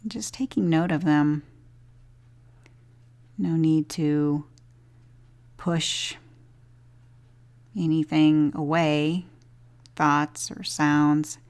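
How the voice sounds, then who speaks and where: A meditation teacher with a low-pitched, steady voice leads a guided body scan, giving gentle, unhurried instructions separated by long pauses.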